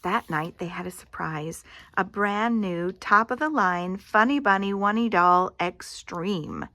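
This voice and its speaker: Reading a picture book for children, an older woman with a grandmotherly air delivers each line slowly and expressively, adding dramatic stress and quieting down at the close of phrases. She speaks at a medium pitch, with no room sound audible.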